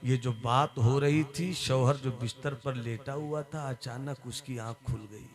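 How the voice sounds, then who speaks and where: A man telling a devotional story in a sermon, dramatic and swinging from hushed tones to shouting. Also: medium pitch, fairly even intonation, a little slow, crowd noise.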